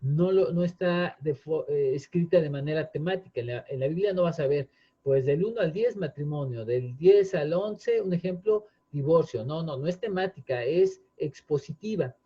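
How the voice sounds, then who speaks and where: A man's voice: fairly high pitch, normal speed, dark tone, husky. A man, earnestly explaining in casual chat, often restarting with fillers. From Mexico. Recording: dull lo-fi sound.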